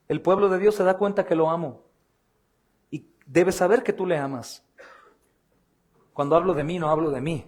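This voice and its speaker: A man with a Mexican Spanish accent preaching a sermon as pastor, fervent and emphatic, dropping to low intense asides and calling his listeners brothers. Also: darkish tone. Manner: addresses listeners often as brothers.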